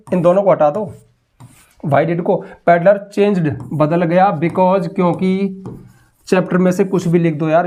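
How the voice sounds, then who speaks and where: High-voiced teacher scolding students. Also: male voice, darkish tone. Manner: scolding, mocking students' habits. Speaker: English teacher. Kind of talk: exam tips lesson.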